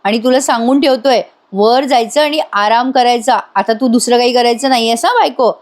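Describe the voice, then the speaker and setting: A woman's voice: a little high, brisk, close to an everyday voice. Woman reading as a fussing protective husband. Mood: firm. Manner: read aloud in a near-plain narrator voice.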